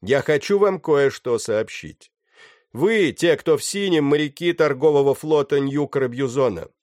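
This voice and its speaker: A man voicing a cold pirate leader in grey who addresses the captured crew loudly and deliberately. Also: medium pitch, dry recording, studio quality, voice pushed up. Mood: commanding. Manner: calls out loudly, measured and commanding.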